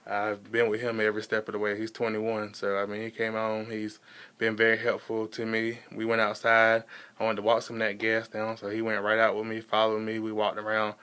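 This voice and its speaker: A young American man speaks in a slightly low but bright, smooth voice. His delivery is casual and halting, as in a personal vlog. He rambles through his account and repeats words to stress them. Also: completely flat delivery. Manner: halting, rambling storytelling with repetition for emphasis. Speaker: vlogger.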